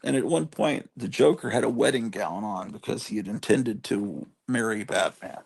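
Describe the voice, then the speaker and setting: A man in his late fifties with a gravelly, husky voice, chatting casually on a livestream. He reads viewers' messages aloud, drifts between stories, trails off and picks up again, and is quick to poke fun at himself. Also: fairly low pitch. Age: 50s. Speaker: comic collecting livestream host.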